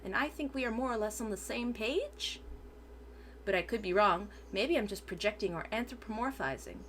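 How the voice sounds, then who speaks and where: A woman's voice: mid-range voice, slight background noise. A woman VTuber reading a transcript aloud for her stream, sometimes stumbling over words and correcting herself.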